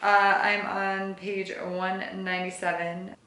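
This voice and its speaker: A woman's voice: medium pitch, little pitch movement, unhurried, pushed and bright. Chatty young woman in an echoey room. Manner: bubbly, chatty, with slangy asides and laughs. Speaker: book vlogger. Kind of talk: casual vlog chat. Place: home, indoors.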